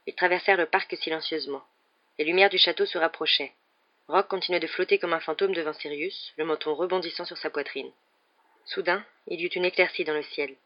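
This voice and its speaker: An audiobook narrator reads a novel in a steady, dramatic manner. The voice is mid-pitched. The recording sounds slightly dull. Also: a little fast.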